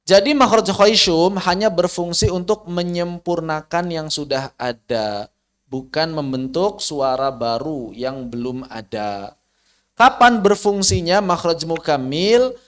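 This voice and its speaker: A man's voice: on the high side, slow. A man with an Indonesian accent teaching tajwid online, patiently demonstrating how letter sounds are pronounced.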